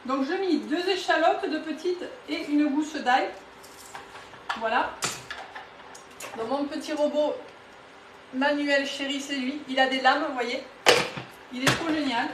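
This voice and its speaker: A woman's voice: sits high, measured pace, long pauses, background noise. Chatty southwestern French woman, roomy kitchen. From southwest France, near Toulouse. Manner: chatty, enthusiastic, many fillers and restarts. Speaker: home cooking demonstrator on a live stream. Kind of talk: live cooking demo with viewer greetings. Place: home kitchen. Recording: roomy, a bit distant from the mic.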